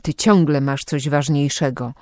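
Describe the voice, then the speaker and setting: A bitter, resentful husband who snaps at his wife, voiced in a lowish tone by a woman narrator putting him on. The recording is dry and close, with no room around the voice. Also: fairly even intonation, measured pace, a little mellow, no room sound. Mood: angry. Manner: snapping, resentful.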